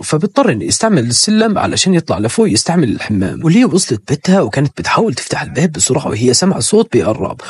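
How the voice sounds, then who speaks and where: A young man with an Egyptian Arabic accent tells a drama's plot at a breakneck clip, hardly stopping for breath. His voice is husky and breathy, and his pitch swings widely as he drops into quick voiced quotes of the characters. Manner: rushed, animated storytelling with quick voiced quotes. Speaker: drama recap narrator. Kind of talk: fast scripted recap narration.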